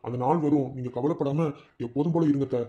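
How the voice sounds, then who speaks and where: Village uncle voiced by a man, madurai accent, soothing, fast talker, dull lo-fi sound. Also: medium pitch, warm tone, lightly acted. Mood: reassuring. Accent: Madurai Tamil. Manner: earnest, soothing reassurance. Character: middle-aged village man, reassuring son-in-law. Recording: dull lo-fi audio.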